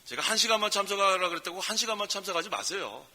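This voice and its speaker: A male pastor preaching in an emphatic, folksy way, with sudden loud exclamations. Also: sits high, animated, very fast, in a large hall. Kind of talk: sermon. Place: prayer retreat center hall.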